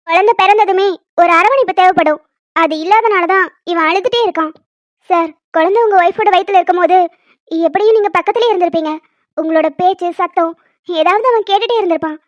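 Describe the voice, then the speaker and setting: A calm, motherly cartoon nurse as a woman voices her, speaking in a very high, squeaky-bright voice and explaining things in a steady, reassuring way. The recording is dry and muffled, and it sounds lo-fi. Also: no echo. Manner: reassuring, instructive. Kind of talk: amateur animated drama. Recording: dry, slightly dull lo-fi.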